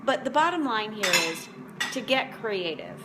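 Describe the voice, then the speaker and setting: Her slightly high voice is sing-song and a little slow, and the clip is very noisy. She's a woman in her forties, a motivational vlog host and food prep coach, rambling conversationally in a casual chat to camera.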